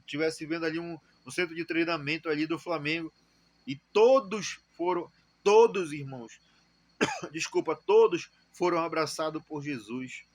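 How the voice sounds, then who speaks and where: A man with a Brazilian accent giving a church testimony in a halting way, repeating words and exhorting listeners. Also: fairly high pitch. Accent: Brazilian Portuguese. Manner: preaching exhortation. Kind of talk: spoken testimony.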